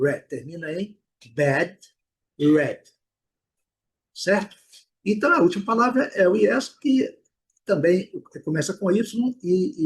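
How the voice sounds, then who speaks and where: A husky, slightly breathy Brazilian man with a fairly high voice gives a pronunciation lesson. He says each example word slowly, several times, and stretches the vowels. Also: darkish tone. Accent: Brazilian Portuguese. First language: Portuguese. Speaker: English teacher.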